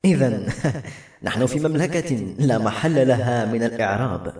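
A man's voice: mid-range voice, very animated, rapid-fire, warm tone, reverberant, distant mic, close to an everyday voice. A man reading a novel aloud, voicing a curious, wry young male warrior in a plain questioning tone.

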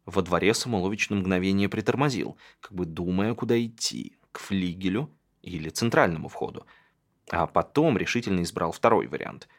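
Expressive male audiobook narrator. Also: sits low, normal speed. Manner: dramatic, expressive storytelling.

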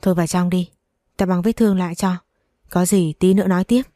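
A woman's voice: lowish voice, steady tone, quick pace, dark tone, dry recording, clean studio sound, natural voice. A woman reading the part of a blunt, loyal young female friend in a spoken story.

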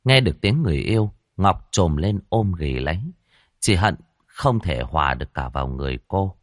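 A man narrating a horror story in an expressive, dramatic way, voicing the characters. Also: low voice, normal speed, no echo, clean studio sound.

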